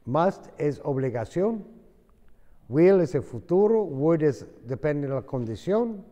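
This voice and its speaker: A man's voice: on the high side, very animated, slow, mellow, long reverb tail. A man teaching English to a class in Spanish, explaining patiently and mixing in English examples.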